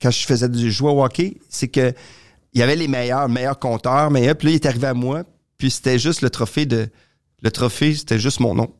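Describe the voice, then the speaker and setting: A man's voice: medium pitch, fairly even intonation, a little fast, no echo, clean studio sound. A middle-aged man with a Québécois accent, a comedian guest telling jokey, self-mocking stories in casual chat. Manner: storytelling, joking, self-mocking.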